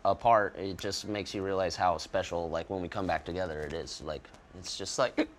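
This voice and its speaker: A man's voice: sits low, steady tone, normal speed. A man being interviewed as a comedy actor. He rambles loosely and fills his speech with "like.". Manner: loose, rambling, heavy use of "like". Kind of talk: casual chat.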